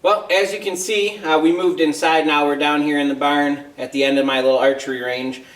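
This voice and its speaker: A man's voice: on the high side, steady tone, brisk, a bit bright, reverberant, recorded from a distance, slight background noise, rough recording. A middle-aged American man talking casually to camera as a hunting vlog host, conversational and matter-of-fact.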